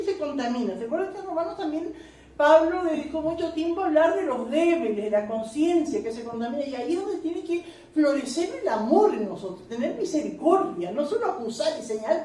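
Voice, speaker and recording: A woman with a high, warm voice teaches from the Bible in a church meeting room, sermonizing and dropping frequent amens and "¿no es cierto?" asides. The mic sits far off in the echoey room, and there's slight background noise.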